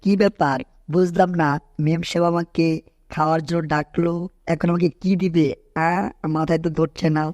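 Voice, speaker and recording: Cartoon dub: a boastful, scheming cat, voiced by a man in a slightly high voice, threatening and groaning, dry close mic. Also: little pitch movement, normal speed, darkish tone, no room sound, lightly acted.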